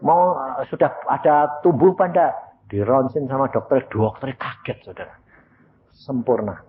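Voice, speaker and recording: This sermon comes from an older man speaking at a normal pace, recorded with phone-like quality and background noise. Calling the congregation "saudara" and slipping Javanese words into Indonesian, he narrates energetically, voicing the people in his stories with sudden high jumps in pitch.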